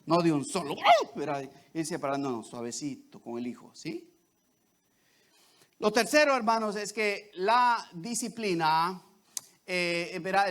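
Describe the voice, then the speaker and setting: A man with a very high-pitched voice preaching a sermon. He speaks in a conversational way, with frequent restarts, and keeps checking in with the congregation through short tag questions. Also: fairly bright tone. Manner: repeats "¿verdad?" and "¿sí?" to the congregation, with many restarts.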